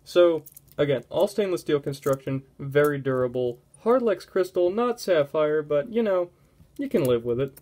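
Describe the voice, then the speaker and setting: A young man giving a casual watch review at home, relaxed and rambling, often breaking off mid-thought. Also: fairly high pitch, moderate pace. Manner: relaxed, rambling, self-interrupting. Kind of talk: casual product review vlog.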